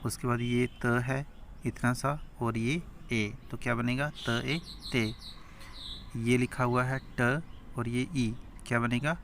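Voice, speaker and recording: Male teacher, gravelly, unhurried; spells out letters for learners, faint hiss and birds behind. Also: mid-range voice, steady tone, a bit bright. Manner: sounds out letters one by one, asks and answers his own questions. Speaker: Urdu script teacher. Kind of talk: slow spelling-out lesson.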